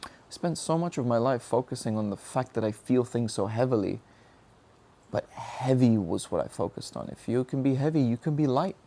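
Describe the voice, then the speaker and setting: Speaking at normal speed in a warm, expressive mid-range voice, a young adult man reflects on his personal struggles. His motivational monologue is earnest and searching, full of questions he asks himself.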